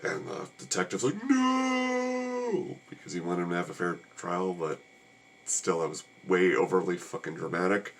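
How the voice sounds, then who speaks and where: Man, low voice, sarcastic, tired, rambling movie review. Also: level tone, normal speed, creaky, slight background noise. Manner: sarcastic, weary and annoyed.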